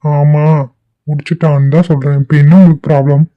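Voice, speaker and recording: A man's voice: a little high, level tone, a little fast, lightly acted. A man voicing a stern, bossy cartoon boss. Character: strict, scolding male office boss. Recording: dull lo-fi dry recording.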